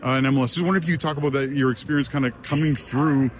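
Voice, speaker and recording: A man's voice: mid-range voice, fairly even intonation, rapid-fire, slight background noise. A man interviewing a footballer, asking long rambling questions. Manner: rambling multi-part questions. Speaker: sideline interviewer.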